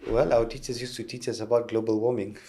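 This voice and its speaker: A man, a guest on a podcast, telling stories in a relaxed way and tagging his lines with "dude" and "huh?". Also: medium pitch, fast, a little hiss or hum. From Kenya. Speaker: guest, car builder. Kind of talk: casual interview chat.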